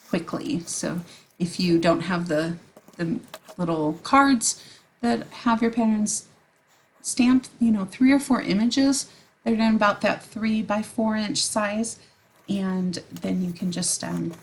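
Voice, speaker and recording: A woman's voice: on the low side, gravelly. A woman hosting a casual card-making tutorial as a voice-over, chatty and giggly, with frequent ums. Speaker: card-making video host.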